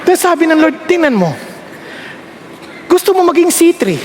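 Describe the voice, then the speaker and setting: A man preaching a sermon as a pastor, animated and acting out the voices he quotes. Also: extremely high pitch, normal speed, a little hiss or hum. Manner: animated, acts out quoted voices with big swings. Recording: echoey hall with long reverb, faint ambience.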